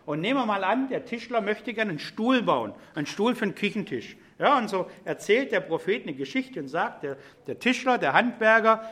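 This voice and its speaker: High-voiced man preaching a sermon. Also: a bit bright. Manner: conversational, explanatory, addresses congregation directly.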